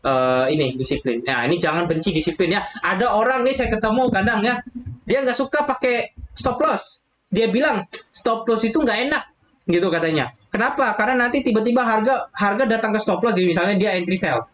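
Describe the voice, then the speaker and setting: A man's voice: high voice, brisk, fairly bright tone. A man giving a chatty, casual trading lesson, repeating filler phrases and acting out quotes. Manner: chatty, repeats "gitu loh", acts out quotes. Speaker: trading educator. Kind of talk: casual lecture to viewers. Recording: echoey room with faint noise.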